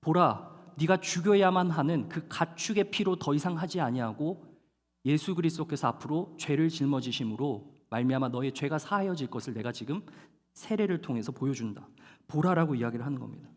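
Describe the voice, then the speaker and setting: Guy pastor giving a sermon, voice on the high side, swings up and down a lot, big echoey church hall. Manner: animated storytelling with dramatic slowdowns. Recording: long hall reverb.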